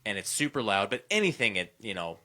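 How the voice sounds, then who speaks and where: A man's voice: lowish voice, very animated, fast talker, pushed and bright. A man hosting a casual podcast, telling a story in a rambling way, full of fillers and restarts. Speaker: podcast host.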